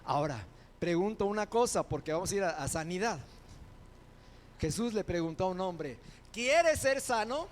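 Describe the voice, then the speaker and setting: A male pastor preaching a sermon, asking the congregation questions and swinging between quiet asides and shouted repetition. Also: sits high, normal speed, pauses often, slight background noise.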